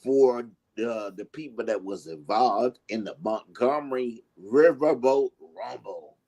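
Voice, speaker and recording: A man's voice: mid-range voice, measured pace, dark tone. A man co-hosting a talk show, giving opinions in an emphatic, joking way. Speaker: co-host. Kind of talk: casual opinionated chat.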